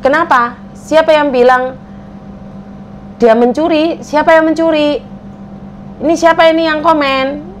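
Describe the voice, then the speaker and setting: A woman's voice: high-pitched, fairly even intonation, unhurried, long pauses, a little hiss or hum. A woman hosting a live stream, talking to viewers and pressing commenters with repeated demands. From Indonesia. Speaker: livestream host.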